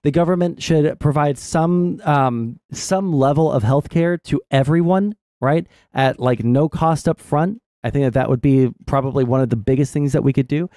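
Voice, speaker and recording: A young adult man hosting a stream, explaining his political views casually in a measured, halting way. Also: on the high side, warm tone, no room sound, studio quality. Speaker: streamer host. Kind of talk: casual political discussion over a game stream. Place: small indoor streaming room. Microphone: close desk mic with headset.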